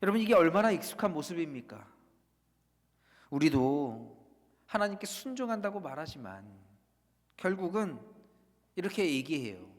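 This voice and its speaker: A man preaching as pastor in a church, his voice sitting a little high for a man and carrying a long reverb from the large room around him. He swings between loud, urging passages and hushed, almost whispered ones. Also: very animated, moderate pace, pauses often. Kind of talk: sermon.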